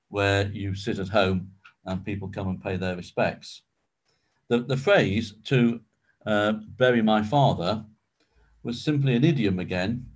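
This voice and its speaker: Guy with a lowish voice leading a bible study, chatty explaining, lots of ums and restarts. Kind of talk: informal teaching talk.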